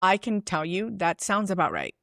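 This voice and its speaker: A business coach with a lowish voice teaches a casual lesson directly to camera, chatting loosely with plenty of "like" and acting out example messages. Her pitch swoops wildly at a normal pace, and the sound is close and dry with no echo.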